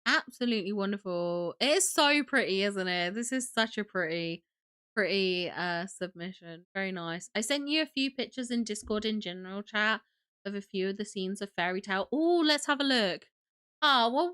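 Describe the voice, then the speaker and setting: Bright, animated woman streamer with a cold. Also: medium pitch, moderate pace, smooth. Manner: gushing and chatty, greeting viewers, squealing with delight. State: sniffly from a cold. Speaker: livestream host. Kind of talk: casual livestream chat.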